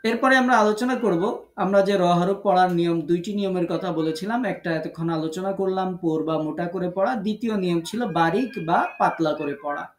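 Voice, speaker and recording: Patient male Quran teacher in an echoey room. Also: sits high. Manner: patient, repeats rules and slowly drawn-out example words. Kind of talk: online tajweed lesson.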